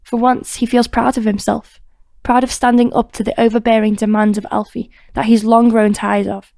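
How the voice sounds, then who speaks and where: A woman narrating an audiobook crime drama in a steady, even reading voice. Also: on the high side, moderate pace, gravelly, no echo. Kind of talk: scripted narration.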